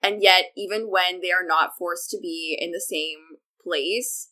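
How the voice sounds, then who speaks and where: A woman's voice: lowish voice, fairly even intonation, a little slow, bright, forceful tone. A woman co-hosting a podcast, gushing in casual fan chat with lots of fillers. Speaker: podcast co-host.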